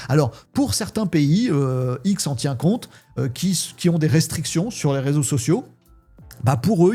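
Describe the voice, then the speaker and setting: A man talks through the latest tech news in a loose, chatty way, full of fillers and friendly asides to his viewers. His voice sits a little high, with a mellow, somewhat husky tone. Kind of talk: casual tech news commentary.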